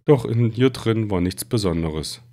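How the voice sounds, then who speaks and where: A man reading a children's fantasy book aloud in a steady storytelling manner. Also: on the low side, measured pace. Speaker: reader.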